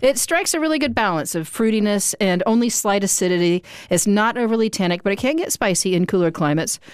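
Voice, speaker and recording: A woman's voice: medium pitch, expressive, fairly quick, clear, resonant tone, no echo, studio quality. A woman co-hosting a casual wine podcast, chatty and informative, with frequent restarts. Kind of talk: casual chat.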